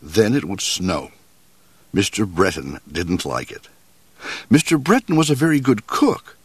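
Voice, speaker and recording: Storybook reader, man, low husky voice, very lively intonation. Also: dry recording. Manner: expressive, measured reading. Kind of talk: reading a children's storybook aloud.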